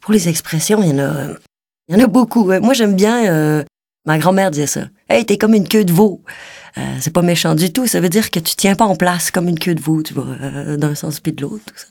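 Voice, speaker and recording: Reflective Québécoise actress, dry close sound. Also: female voice, sits low, brisk, gravelly, a little mellow, no echo. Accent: Québécois French, slightly mixed with Swiss Jura. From Quebec, Canada. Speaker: theatre actress. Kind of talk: casual personal talk.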